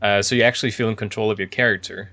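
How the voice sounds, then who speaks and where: A man's voice: fairly low pitch, steady tone, rapid-fire, sharp tone, dry recording. A man giving casual video game commentary, thinking aloud in a chatty, easily impressed way. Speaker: video game streamer playing an indie horror game.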